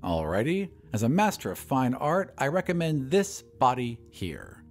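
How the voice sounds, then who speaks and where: A man's voice: medium pitch, huge pitch swings, a little slow, soft background music. A man voicing a gloomy, scornful old painter who talks with bitter sarcasm. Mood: sardonic.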